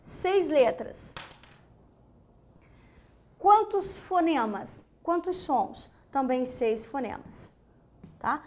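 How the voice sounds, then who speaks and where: A Brazilian Portuguese teacher with a high, bright voice walks her class through sounds and letters. She speaks slowly, asks questions of her students, and counts aloud. She often sounds out a letter as a short breathy puff. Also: lively intonation. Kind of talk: classroom lesson explaining phonetics.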